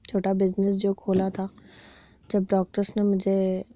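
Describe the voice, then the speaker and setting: A woman from Pakistan, giving a soft, reflective personal testimony and pausing often with fillers. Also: medium pitch, monotone, highs cut off. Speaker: cancer survivor sharing her story.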